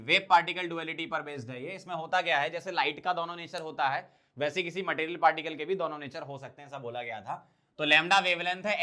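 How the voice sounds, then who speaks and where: A male chemistry tutor, teaching an exam-prep lecture. His voice is slightly high and very bright and sharp. He drills the material quickly, asking questions and answering them himself.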